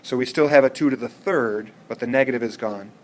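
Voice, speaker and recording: A man's voice: mid-range voice, a little fast, slight background noise. Patient man teaching a math class. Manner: patient, checks in with students often. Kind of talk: classroom lecture.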